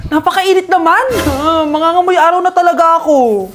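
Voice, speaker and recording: A woman's voice: very high voice, brisk, noisy background. A woman performing a comedy sketch, switching between several classroom characters. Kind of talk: skit acting.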